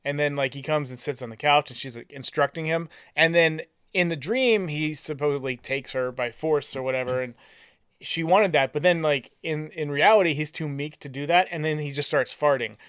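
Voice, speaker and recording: A man's voice: on the high side, moderate pace, fairly bright tone, clean tone, dry recording, clean studio sound. A man co-hosting a podcast, chatting casually and enthusiastically about a movie, retelling scenes with hesitant restarts. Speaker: podcast co-host.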